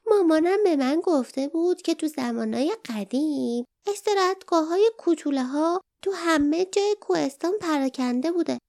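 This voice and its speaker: A woman's voice: high-pitched, lively intonation, hardly any pauses, pitched above the performer's own voice. A woman doing a timid, pleading young girl. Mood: wondering. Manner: soft, pleading, anxious.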